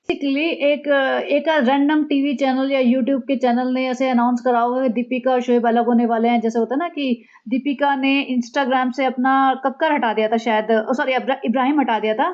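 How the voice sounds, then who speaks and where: Sarcastic high-voiced woman commentator. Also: fairly even intonation, normal speed, few pauses, a little mellow, highs cut off. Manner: sarcastic, chatty. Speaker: gossip commentator. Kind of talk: casual commentary.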